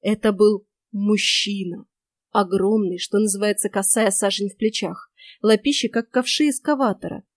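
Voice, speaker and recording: A woman narrates a first-person story with lively storytelling. Her voice sits at an average pitch. The recording is dry and close, with no room sound. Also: moderate pace, no room sound. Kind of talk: audiobook narration.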